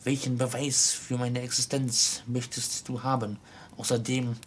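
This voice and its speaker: A man's voice: mid-range voice, flat delivery, measured pace, a little hiss or hum, lightly acted. A man voicing a mournful chained ghost. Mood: solemn, mournful. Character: ghost of an old male miser, grave, sorrowful, bound in chains.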